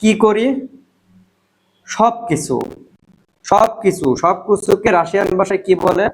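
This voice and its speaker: A man teaching a spoken language lesson, repeating each word slowly and spelling out sounds. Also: high-pitched, slight background noise, poor audio. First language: Bengali.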